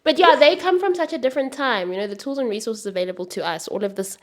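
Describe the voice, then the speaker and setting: A woman's voice: a little high, fast. Late-20s woman hosting a podcast, earnest and chatty, stumbles over her starts a lot. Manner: earnest, animated, repeats words when starting sentences. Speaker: podcast host. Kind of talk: casual conversational podcast chat.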